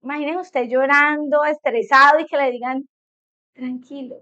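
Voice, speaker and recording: A woman's voice: sits high, fairly even intonation, normal speed, pushed and bright. A middle-aged woman psychologist giving a conversational talk to a group of parents, often checking in with her listeners. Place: meeting room with an audience. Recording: dull lo-fi recording.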